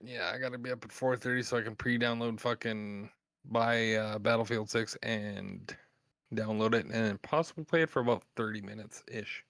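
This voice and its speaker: A man's voice: lowish voice, steady tone, moderate pace, vocal fry, a bit bright, no room sound, studio quality. A Canadian man co-hosting a casual podcast, crude and heavy on swearing. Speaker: podcast co-host.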